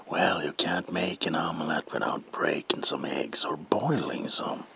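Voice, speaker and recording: A man playing a manic, sinister comic-book villain as examiner in a whispered ASMR roleplay, with a gravelly, breathy voice and theatrical, unhinged delivery. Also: rumbling low, pushed and bright, a little hiss or hum, heavily acted. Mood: playfully menacing. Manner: theatrical, drawn-out words with unhinged swings.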